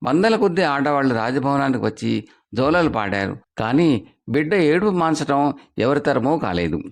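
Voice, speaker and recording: Guy reading kids' folk stories, gravelly voice, pitch jumps around a lot. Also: moderate pace. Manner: lively expressive telling with acted dialogue. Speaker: storyteller. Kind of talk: storytelling for children.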